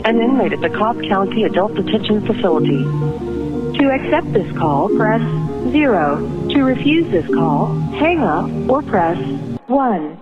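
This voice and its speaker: Give me a woman's recorded announcement voice on a prison phone line, tinny and thin, lively in pitch, with loud music underneath. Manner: flat recorded prompt, brisk and formal. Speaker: automated prison call announcer.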